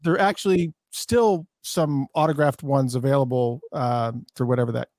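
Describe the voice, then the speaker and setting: A man hosting a casual interview, enthusiastic and full of praise, with a few halting restarts. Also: mid-range voice, steady tone, darkish tone, no room sound. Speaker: interview host.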